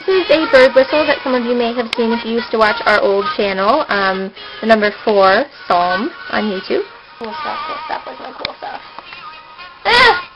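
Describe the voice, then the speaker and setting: A woman's voice: a little high, poor audio. A woman vlogging at her desk, chatty and playful, poking fun at herself as she shows her things. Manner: chatty, playful, self-deprecating. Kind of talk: casual vlog talk.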